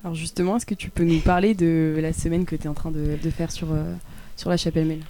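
An interviewer who asks brief questions that gently prompt the guest. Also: medium pitch, little pitch movement, quick pace.

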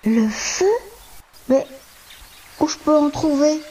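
Mowgli, a man doing a high-voiced jungle boy. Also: slow, darkish tone. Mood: pleading. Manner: high, pleading. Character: young jungle boy, earnest and hurt.

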